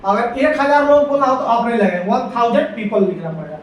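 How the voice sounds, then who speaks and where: A man's voice: very high-pitched, expressive, fairly quick. A man teaching English grammar for exam prep, repeating key points and often checking that students follow. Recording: echoey room, distant mic, faint noise.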